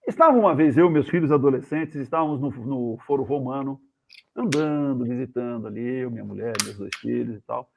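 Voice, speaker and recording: A man with a Brazilian accent, a guest journalist, telling anecdotes in a casual, animated way and acting out the voices of the people in them. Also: medium pitch, fairly quick, vocal fry, slight background noise. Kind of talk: casual storytelling. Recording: tinny phone-like video call audio.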